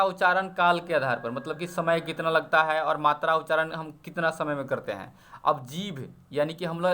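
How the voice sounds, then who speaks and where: A man's voice: on the high side, sharp tone. A man teaching an exam-prep grammar lesson, explaining step by step and checking often that students follow. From Bihar.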